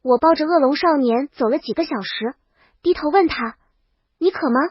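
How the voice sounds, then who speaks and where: Narrating a scripted story in the first person, this audiobook reader has a strikingly high voice and a moderate pace. There's no room sound; the track is very dry and a bit dull, with a lo-fi quality.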